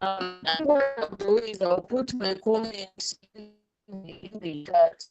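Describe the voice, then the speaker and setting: A woman's voice: medium pitch, takes it slowly, over music. A woman on a video call answering a question as a panelist, hesitant with many filler sounds, her voice cutting out on a glitchy breaking-up connection. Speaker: panelist on an online discussion. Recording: patchy call audio, voice cutting out and fading.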